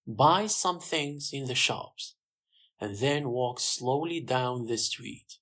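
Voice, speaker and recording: A steady police officer giving orders over the radio in a learner's story, voiced by the narrator. Instructions come slowly and evenly, with a lively pitch line. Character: police officer Dan, a steady man in charge. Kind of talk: graded-reader story voice.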